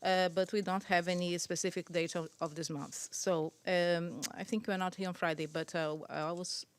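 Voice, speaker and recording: A woman's voice: lowish voice, steady tone, moderate pace, clean tone. A woman spokesperson running a press briefing, polite and hesitant with many fillers. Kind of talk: press briefing, answering questions.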